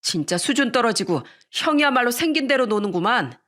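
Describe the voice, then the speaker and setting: A woman's voice: fairly high pitch, big pitch swings, brisk, fairly bright tone, voice pushed up. A woman voicing a fed-up grown son in a story narration, firm and exasperated.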